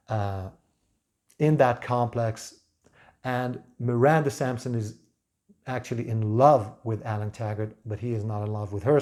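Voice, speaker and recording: Mellow-voiced man giving an unscripted book review. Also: mid-range voice. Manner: hesitant, measured, pausing mid-phrase.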